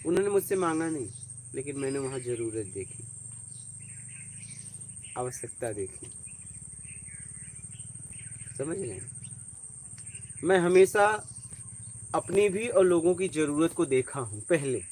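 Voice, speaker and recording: Man, spiritual teacher, informal talk, conversational storyteller, asks if you follow, slightly high voice. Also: sing-song, measured pace, long pauses, a little mellow. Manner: conversational, tells personal stories, asks listeners if they follow.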